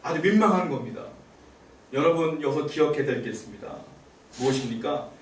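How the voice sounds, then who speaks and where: A man's voice: fairly high pitch, lively intonation, fairly quick. A male pastor preaching a sermon in a church, asking the congregation rhetorical questions. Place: church sanctuary. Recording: echoey church room, voice from far off.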